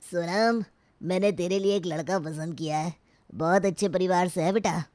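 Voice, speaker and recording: A woman's voice: fairly low pitch, normal speed, no echo, close to an everyday voice. Brief: woman voicing a reassuring storybook uncle, fatherly, dry studio sound. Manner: gentle, fatherly. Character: kindly middle-aged uncle, reassuring. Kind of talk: storybook voice acting.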